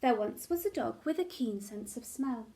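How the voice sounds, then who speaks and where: Here a woman teacher reads aloud from a children's picture book, animated and expressive as she tells the story. She speaks at a normal speed in a slightly high voice.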